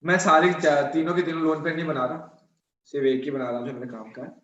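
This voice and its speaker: A man's voice: a little high, fairly even intonation, fast, fairly bright tone. A male chemistry teacher lecturing students in a chatty, scolding way, repeating his points. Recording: echoey room, dull sound.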